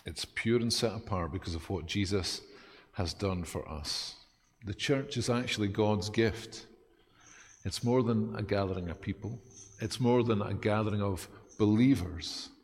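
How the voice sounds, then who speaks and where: A man preaching a sermon as pastor, lively and self-deprecating, with dramatic pauses. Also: fairly low pitch, in a large hall.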